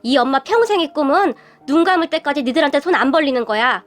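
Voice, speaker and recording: A woman's voice: sits high, animated, fast talker. A woman voicing a weary, proud middle-aged mother who works as a housekeeper, who talks stubbornly and sighs with indignation. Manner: stubborn, sighing, indignant then pleading. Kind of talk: storytelling narration.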